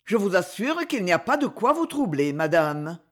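An audiobook reader voicing a gruff, domineering professor who answers his wife curtly and condescendingly. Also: big pitch swings, moderate pace. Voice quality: low and curt. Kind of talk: audiobook character reading.

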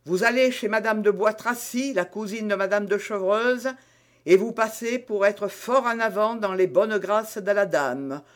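A man's voice: high-pitched, unhurried. A man reading the part of a vain, blustering young musketeer who talks in a hearty, emphatic, lecturing way in an audiobook.

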